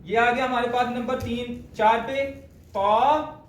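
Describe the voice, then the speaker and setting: A man teaching the correct pronunciation of Quran letters, speaking slowly and deliberately and repeating each sound to demonstrate it. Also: very high-pitched, fairly even intonation, slight background noise. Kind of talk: spoken lesson on letter pronunciation. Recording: echoey room, voice far from mic.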